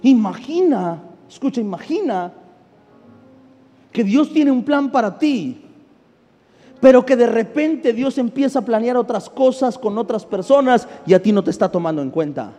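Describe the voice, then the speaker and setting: A man's voice: extremely high pitch, animated, normal speed, warm tone. A male pastor preaching a sermon, reading scripture verse by verse and asking the congregation questions that he answers himself. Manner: calls for congregational response. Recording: long reverb with faint music behind.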